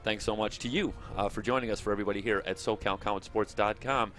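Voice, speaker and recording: A male sports broadcast host with a fairly low voice delivers a live sign-off. He ad-libs with halting pauses, and faint music plays behind him. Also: steady tone, fairly bright tone.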